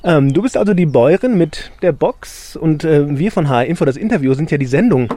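A man's voice: a little high, lively intonation, brisk, dark tone, slight background noise. A man conducting a casual radio interview outdoors on a farm, conversational and probing, often tagging his questions. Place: outdoors at a vegetable field.

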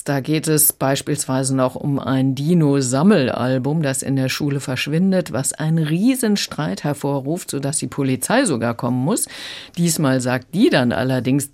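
Calm audiobook reviewer. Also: medium pitch. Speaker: book reviewer. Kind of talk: radio review conversation.

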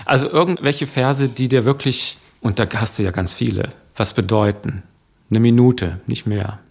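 A man's voice: medium pitch, moderate pace, gravelly, husky. A man hosting a radio talk show, asking friendly, leading questions into a studio microphone. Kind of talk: radio interview.

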